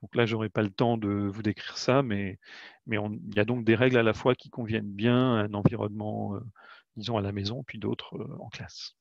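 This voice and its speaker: Hesitant man with a gravelly voice. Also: fairly low pitch, steady tone, brisk, no room sound. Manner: hesitant, frequent "euh" fillers and restarts. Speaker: educational game creator presenting. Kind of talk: webinar product presentation. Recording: dull lo-fi webinar audio, dry.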